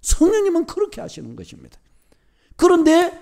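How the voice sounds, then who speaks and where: A man with a Gyeongsang accent preaches a sermon, driving his points home by repeating them. His voice sits very high for a man and swings widely in pitch, and he leans on homely everyday stories. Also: brisk, gravelly. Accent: Gyeongsang Korean. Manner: animated, repetitive emphatic preaching with homely examples. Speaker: pastor.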